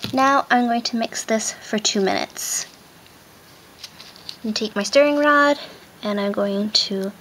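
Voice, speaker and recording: A woman's voice: mid-range voice, a bit bright. A woman hosting a casual hands-on craft tutorial, talking step by step while she works, her voice muffled by a face mask. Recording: clear background noise, handling clicks.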